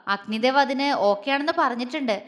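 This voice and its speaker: A woman's voice: high-pitched, fairly quick, fairly bright tone. A woman voicing a middle-aged woman doctor who gives advice in a matter-of-fact way. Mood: calm. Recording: long reverb.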